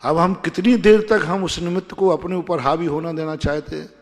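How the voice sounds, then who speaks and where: A male Jain monk delivers a sermon, slowing to repeat key phrases with strong emphasis. His voice sits somewhat high. It carries a long hall reverb. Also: fairly even intonation. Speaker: Jain monk giving a discourse.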